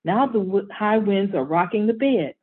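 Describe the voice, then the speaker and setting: A woman hosting and reading a bedtime story in a calm, steady way. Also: medium pitch, normal speed, breathy edge. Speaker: host. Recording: tinny phone-like audio.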